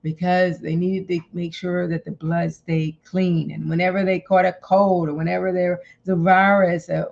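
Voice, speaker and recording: A woman's voice: on the low side, level tone, normal speed, gravelly, few pauses, a little mellow, lo-fi sound. A woman hosting a casual live health talk, chatty and rambling, often restarting her sentences and laughing easily. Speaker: health channel host.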